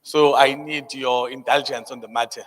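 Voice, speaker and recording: A man's voice: medium pitch, steady tone, moderate pace, a bit bright. South African man, Xhosa accent, echoing hall. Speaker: programme director at a public meeting. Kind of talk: addressing a public meeting. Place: large indoor meeting hall. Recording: echoey hall with long reverb.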